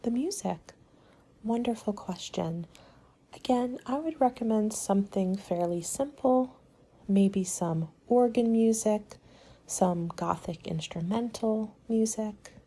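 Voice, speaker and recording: A woman at medium pitch voices a courteous party planner in a soft-spoken ASMR roleplay, sounding calm and helpful. She offers guidance politely and in a measured way, with a breathy, soft delivery.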